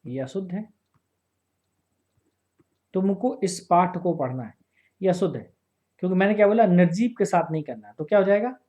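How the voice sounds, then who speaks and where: A man teaching a grammar lesson for exam prep, slowly repeating phrases and often checking that listeners follow. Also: high voice, warm tone.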